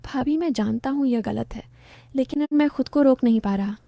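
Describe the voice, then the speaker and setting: A lovesick young man with a soft, coaxing way of talking, as a woman reads him. The voice sits fairly high and mellow, with a close, dry sound. It stays gentle and near to everyday speech. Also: quick pace, no echo, close to an everyday voice. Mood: pleading.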